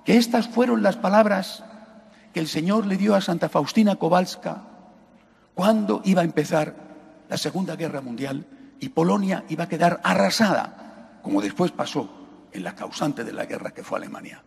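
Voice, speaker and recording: A man's voice: high voice, lively intonation, normal speed, gravelly, husky, in a large hall. A man from Spain preaching a homily at Mass in a fervent, pleading, prayerful manner. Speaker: priest. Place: church.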